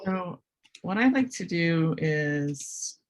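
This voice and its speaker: A woman with a raspy voice presenting a webinar, walking through software step by step with many hesitant ums. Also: fairly low pitch, expressive, takes it slowly, noisy background. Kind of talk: screen-share software walkthrough.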